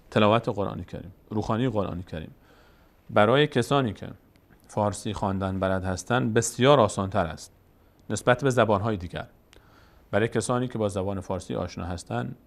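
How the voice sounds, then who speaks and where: A man gives a classroom-style lesson in a gravelly, creaky voice at a middling pitch. He moves slowly and patiently through the letters, naming and repeating each one. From Tajikistan. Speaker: Quran reading teacher. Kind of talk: classroom lesson explaining the alphabet.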